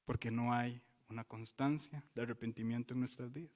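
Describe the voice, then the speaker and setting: This expository sermon comes from a male pastor in a church sanctuary, his mid-range voice brisk and steady in tone, with a big-room sound around it. Loud, emphatic exclamations give way to hushed, solemn warnings, and he keeps asking the congregation rhetorical questions.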